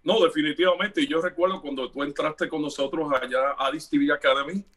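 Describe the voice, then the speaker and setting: A middle-aged radio announcer from Puerto Rico talks as a guest in a casual interview. His voice sits somewhat high for a man. He tells his stories with animation and acts out the dialogue in them. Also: fast talker, fairly bright tone.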